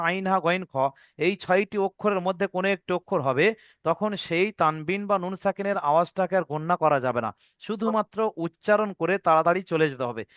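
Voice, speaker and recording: In an online lesson, a man teaches the rules of Quran recitation, patiently repeating each rule and making sure his students follow along. His voice sits high and a bit bright, with studio quality and no echo.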